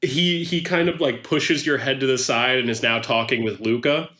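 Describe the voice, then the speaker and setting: A man acts as game master for a tabletop game. He describes the scene in the second person, steady and descriptive. His voice sits at an ordinary pitch. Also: normal speed.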